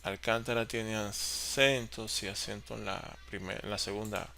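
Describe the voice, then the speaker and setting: A man teaching an online class on office software, explaining step by step and answering his own questions. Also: fairly low pitch, fairly even intonation, normal speed, vocal fry, a little hiss or hum. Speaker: course facilitator.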